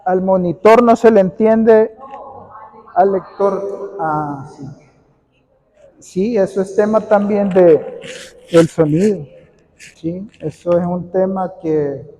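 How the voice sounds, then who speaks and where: A man's voice: sits high, takes it slowly, pauses often, dark tone. A man leading a training workshop for church readers, talking informally to a group, repeating key points and answering questions from the room. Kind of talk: informal instructional talk to a group. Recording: echoey hall with long reverb.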